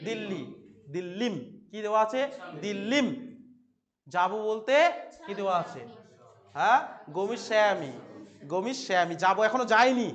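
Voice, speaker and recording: A man's voice: very high voice, fairly bright tone. A male teacher with a Bengali accent, leading a classroom lesson and constantly asking and repeating questions to his students.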